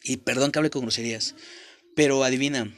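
A man's voice: mid-range voice, fairly even intonation, quick pace, a bit bright. Casting: young Mexican man, Mexican accent, podcast host, crude and blunt motivational monologue, mid-range voice. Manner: blunt and profane, talks straight to the listener.

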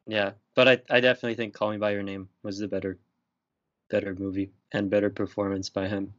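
Hesitant low-voiced young man, dry sound. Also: level tone, fast talker, a bit bright, no room sound. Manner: hesitant, rambling, many fillers. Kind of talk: casual chat. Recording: dry, muffled lo-fi audio.

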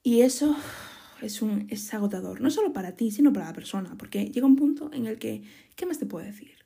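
A young woman from Spain with a Spanish accent talks straight to her listeners in a casual podcast monologue. Her voice sits a little high but sounds mellow and husky. She is frank and chatty, stumbles, restarts and casually swears. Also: animated, a little fast. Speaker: podcast host.

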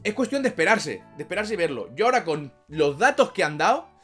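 A man's voice: on the high side, very animated, fairly quick, a bit bright, husky, soft background music. A man from Spain with a Spain Spanish accent, chatting casually to his viewers, swearing a lot and laughing at his own jokes. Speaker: video creator and streamer. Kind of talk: casual talk to camera.

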